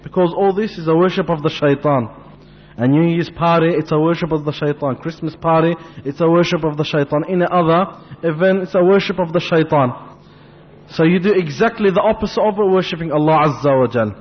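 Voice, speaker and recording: A man's voice: a little high, brisk, breathy edge. A man preaching a fervent sermon in a mosque, building to impassioned pleading. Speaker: imam giving a mosque talk. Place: mosque hall. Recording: long hall reverb, dull lo-fi sound.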